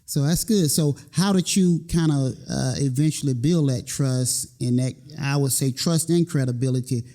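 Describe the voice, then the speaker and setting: A man from North Carolina with a slow Southern drawl, hosting a conversational interview as a military chief. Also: medium pitch, mellow. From North Carolina, USA. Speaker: host, military command chief.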